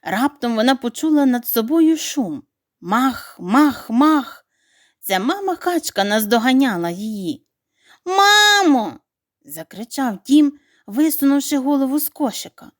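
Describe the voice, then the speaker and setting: A woman narrating a children's bedtime story in an expressive, animated reading voice. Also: high-pitched, a little slow, dry recording, studio quality.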